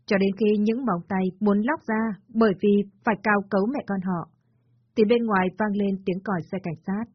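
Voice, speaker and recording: Husky woman narrating a dramatic story. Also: mid-range voice, fairly quick. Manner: steady, earnest narration. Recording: slightly dull lo-fi with faint music.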